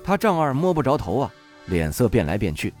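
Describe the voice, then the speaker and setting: A man narrating a novel in the first person, wry and expressive. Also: mid-range voice, fairly quick, soft background music. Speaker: audiobook narrator.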